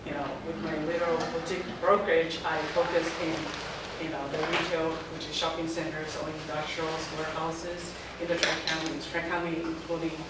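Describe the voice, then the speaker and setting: A low-pitched, middle-aged Taiwanese woman, appearing as a guest speaker, gives an informal talk to a group of students in a lecture room, her phrases halting and frequently restarting. The mic sits far off in a very echoey room, with steady background noise underneath.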